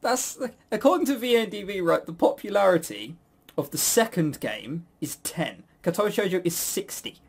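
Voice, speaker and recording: Expressive and pitched high, this man's voice carries vocal fry and a breathy edge at normal speed. As podcast co-host and quizmaster, he rambles through jokey banter, ribbing himself and swearing casually.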